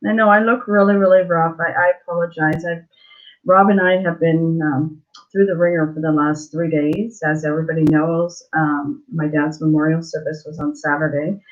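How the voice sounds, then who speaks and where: A woman hosting a casual live chat, greeting viewers haltingly and apologetically, her mouth swollen and slightly thick-sounding after dental surgery. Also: low-pitched, fairly even intonation. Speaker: livestream host. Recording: dull lo-fi livestream audio.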